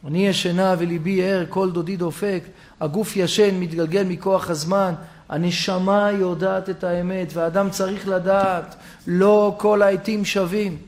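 A man giving a storytelling sermon as a rabbi, acting out characters and rising to shouts. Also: high voice, fairly even intonation. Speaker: rabbi giving a Torah lesson.

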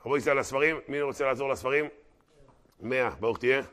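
A mid-range-voiced rabbi teaches Torah to a live audience in a class hall, dramatically bursting into loud exclamations. Afterward he rallies donations with quick patter much like an auctioneer.

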